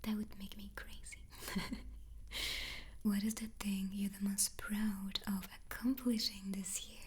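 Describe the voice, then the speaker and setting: A woman doing a whispered ASMR chat in a soft, playful, chatty way. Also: mid-range voice, little pitch movement, a little slow. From France. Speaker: ASMR creator and host.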